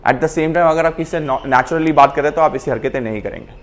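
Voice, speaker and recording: A man's voice: fairly high pitch, a little fast. A man teaching acting to camera, explaining in a casual mix of Hindi and English and acting out lines to show his points. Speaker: acting coach.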